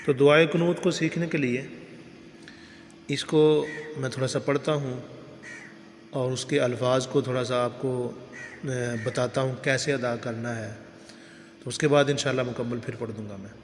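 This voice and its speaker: A man's voice: medium pitch, steady tone, long pauses, big-room sound, a little hiss or hum. A man teaching careful recitation, patiently correcting pronunciation word by word. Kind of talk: religious recitation lesson.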